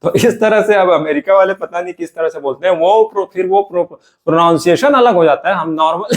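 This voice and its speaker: A man teaching English grammar, drilling example sentences over and over. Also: high-pitched. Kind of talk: classroom grammar lesson.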